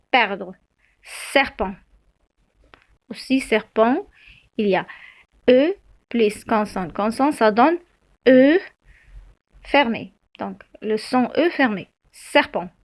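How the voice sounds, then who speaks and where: A woman teacher, explaining spelling slowly, with frequent fillers and self-corrections. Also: medium pitch, vocal fry. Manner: slow, halting, many fillers and self-corrections. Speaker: French teacher. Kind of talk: spelling lesson.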